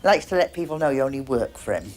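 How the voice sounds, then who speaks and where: An actress playing a blunt local cleaner, scornful and gossipy. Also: female voice, rumbling low, animated, quick pace, darkish tone, faint music behind. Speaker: office cleaner.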